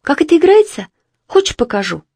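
A woman's voice: high voice, a little fast, gravelly, no room sound, pitched above the performer's own voice, full character voice. A woman voicing an eager, helpful schoolgirl in a storybook reading. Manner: eager, excited.

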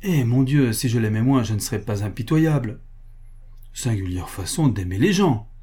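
A man's voice: medium pitch, expressive, normal speed, dark tone, breathy edge. A man voicing a lovesick, vexed prince. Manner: plaintive, flustered. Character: infatuated, vexed middle-aged prince. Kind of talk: audiobook character reading.

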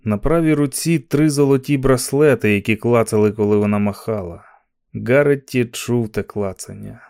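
A man narrating a novel as an audiobook, in steady, even storytelling. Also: mid-range voice, moderate pace, creaky, smooth.

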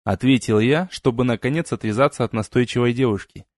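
A man narrating a first-person fantasy audiobook in a steady, even storytelling manner, recorded at home. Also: medium pitch, a little fast, no room sound, clean studio sound. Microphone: home studio mic.

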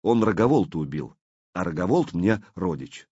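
A man's voice: sits low, very animated, moderate pace, a little mellow, breathy edge, no room sound, highs cut off, heavily acted. A man voicing a gloomy, curt young Varangian warrior. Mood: sullen. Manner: sullen, curt.

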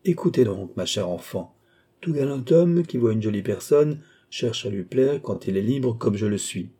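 A man's voice: mid-range voice, expressive, normal speed, dark tone, breathy edge. A man reading an audiobook, voicing a cool, politely mocking nobleman. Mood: suave. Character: suave, cool, ironic nobleman count.

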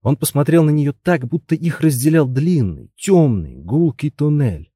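A man narrating a story in a measured reading style, close to the mic. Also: on the high side, animated, dark tone, husky, no echo. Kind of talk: audiobook narration.

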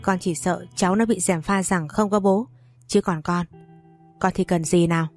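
A woman voicing a sharp-tongued young wife, fed up and defiant, with blunt retorts, in a storybook reading. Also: fairly low pitch, fairly even intonation, moderate pace, faint music behind, natural voice.

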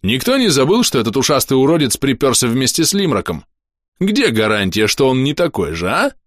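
A man's voice: medium pitch, brisk, no echo, clean studio sound, pitched above the performer's own voice. A man voicing a mocking, hot-tempered man who jeers in a lifted voice. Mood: jeering. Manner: jeering, lively.

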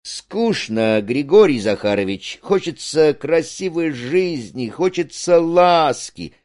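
An excitable, pompous young suitor, as a man reading the play puts him on, raised in pitch and speaking ceremoniously. His lively, swooping intonation makes every sentence a declaration. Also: measured pace. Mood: excited.

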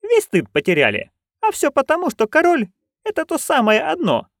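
A chatty old witch woman full of gossip, as a male narrator puts her on, talking high and fussy with a lot of lift and fall. The voice has a slight creak to it and sits close and dry, like a storybook reading. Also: wildly swooping pitch, normal speed, a bit bright, dry recording, full character voice. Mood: gossipy.

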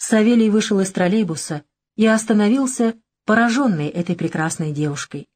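A woman narrating an audiobook in a calm, even storytelling manner. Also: medium pitch, fairly quick. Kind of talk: scripted narration.

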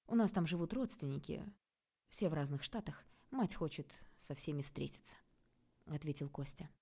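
Woman, audiobook narration, low, mellow, measured. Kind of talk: scripted narration.

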